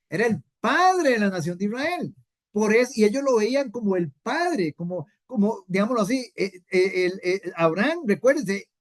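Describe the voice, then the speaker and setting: A woman teaching a Bible class in an earnest way, repeating key points and asking rhetorical questions. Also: mid-range voice.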